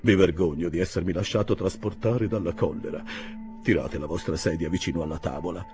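A man voicing a kindly, elderly gentleman who speaks in a gruff, apologetic way. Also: sits low, fairly quick, over music, natural voice. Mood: contrite. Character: stout, kindly elderly gentleman, quick-tempered.

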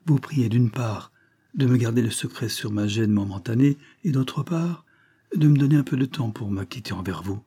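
A man reading aloud, voicing a polite, uneasy Parisian gentleman who speaks with reserve. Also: medium pitch, normal speed, slightly rough, natural voice. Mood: reserved.

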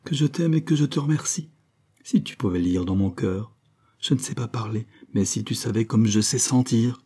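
A man's voice: lowish voice, moderate pace, warm tone, husky. A man reading aloud voices a careworn young woman who is tender and overwhelmed, speaking with pleading emotion.

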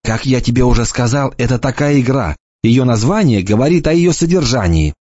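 A man's voice: mid-range voice, expressive, fairly quick, darkish tone, no echo, dull audio, pitched above the performer's own voice, close to an everyday voice. A man voicing a sly, grumpy teenage boy who mocks and bosses the others, in an audiobook reading. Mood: scheming. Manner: mocking, bossy.

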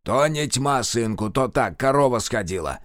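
A man voicing a fierce, scornful old village sorcerer who speaks bluntly in rough rustic speech and swears. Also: medium pitch, expressive, moderate pace, a bit bright, no echo, studio quality, natural voice. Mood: gruff.

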